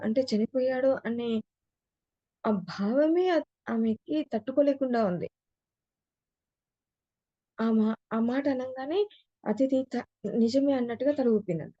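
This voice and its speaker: A woman's voice: fairly high pitch, mellow, breathy edge, no room sound, highs cut off. A woman teacher reads a story aloud, then retells and explains each passage in casual talk. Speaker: spiritual teacher.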